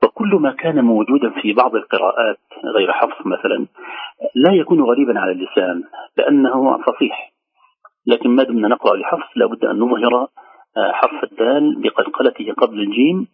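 A man teaching Quran recitation on a radio call-in show, slowly and carefully demonstrating how each word is pronounced. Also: medium pitch, expressive, vocal fry, slightly rough. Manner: slow, careful demonstration of pronunciation. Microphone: telephone. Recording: tinny phone line.

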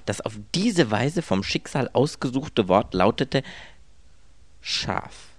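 A man reading a story aloud as its narrator, telling it in a wry, expressive way. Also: mid-range voice, takes it slowly, dry recording. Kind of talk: scripted audiobook narration.

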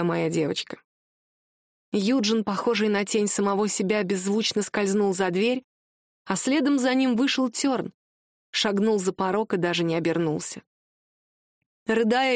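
A woman narrating a first-person audiobook with even, expressive storytelling. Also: mid-range voice, no echo, clean studio sound.

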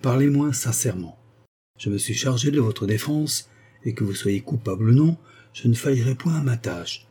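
A man's voice: medium pitch, expressive, moderate pace, warm tone, slight background noise, pitched above the performer's own voice, close to an everyday voice. A man reading the lines of an earnest young lawyer who speaks urgently and insistently. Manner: urgent, pleading.

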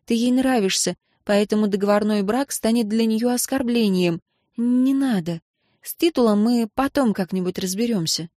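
A woman voicing an earnest young heroine in an audiobook, speaking gently and pleading. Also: a little high, moderate pace, no echo, clean studio sound, voice pushed up, close to an everyday voice. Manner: gentle then pleading, voice rising when upset. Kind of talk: audiobook character reading.

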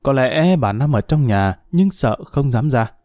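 A man narrating a story in a measured storytelling manner. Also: mid-range voice, expressive, mellow, no echo, studio quality. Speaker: audiobook narrator. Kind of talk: scripted narration.

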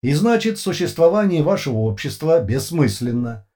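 A man voicing an unseen, emotionless interrogator with a booming, colourless metallic voice, firing short clipped questions loudly and slowly without pause, in an audiobook reading. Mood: cold, flat. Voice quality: flat, metallic, toneless.

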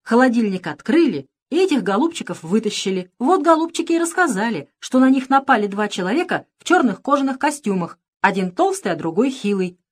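A woman voicing a scheming, bossy pirate queen in an audiobook, sharp and commanding, turning sugary when she flatters. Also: a little high, fairly quick, few pauses, voice pushed up. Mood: domineering. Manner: bossy, sharp, feigning sweetness. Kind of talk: audiobook character reading.

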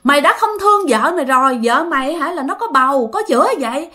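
A woman's voice: on the high side, lively intonation, a little fast, bright, forceful tone. A woman voicing an elderly mother who angrily scolds her grown son. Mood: scolding. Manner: scolding, exclaiming.

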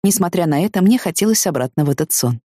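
A woman's voice: fairly low pitch, fast, no room sound, clean studio sound. A woman narrating a first-person novel as an audiobook, reading expressively and with feeling. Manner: expressive, emotionally engaged reading.

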